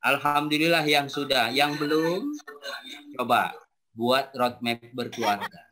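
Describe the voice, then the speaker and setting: A man's voice: medium pitch, unhurried, noisy background. A man in his forties giving a religious parenting lecture to an audience of teachers, talking to them directly and dotting his points with "ya" and "nah". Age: 40s. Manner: addresses audience directly with frequent rhetorical "ya" and "nah". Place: talk before a live audience.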